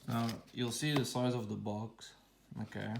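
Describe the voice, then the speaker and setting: A man's voice: mid-range voice, fairly even intonation, unhurried, creaky, noisy background. A man casually talking through an unboxing at home, rambling with fillers and restarts as he films on a phone held in one hand. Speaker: tech channel host.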